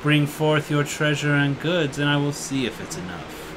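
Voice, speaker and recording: Man doing a deep, haughty blue dragon. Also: animated, noisy background, natural voice. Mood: demanding. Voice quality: deep, slow and menacing.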